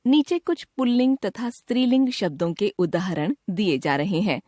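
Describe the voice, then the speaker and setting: A woman narrating a scripted grammar lesson for children, with slow, careful enunciation and an expressive teacherly lilt. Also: mid-range voice, no echo, clean studio sound.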